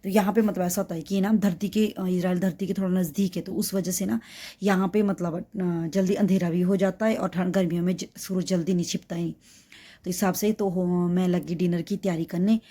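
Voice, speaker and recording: Chatty woman with a low mellow voice. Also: fairly even intonation, fairly quick. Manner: chatty, rambling, many fillers and restarts. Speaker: vlogger. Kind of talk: casual cooking vlog chat. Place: home kitchen. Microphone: phone.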